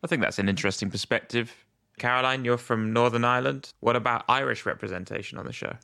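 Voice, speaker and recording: A male podcast host trades dry, wry banter. His voice has a gravelly texture with a bright, tense edge. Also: mid-range voice, fast talker.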